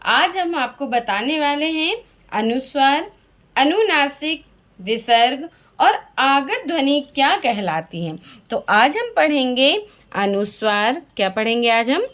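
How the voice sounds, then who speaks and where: A woman's voice: sits high, animated, slow pace, fairly bright tone. A woman teaching a language lesson to young children, asking questions and answering them herself and repeating the key words.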